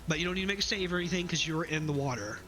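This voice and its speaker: A man narrating as game master of a tabletop game, calm and descriptive. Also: fairly high pitch, rapid-fire, faint music behind, rough recording.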